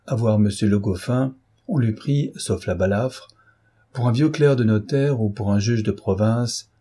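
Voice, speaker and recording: A man reading a classic novel aloud as an audiobook narrator, in a steady, measured manner. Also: fairly low pitch, husky.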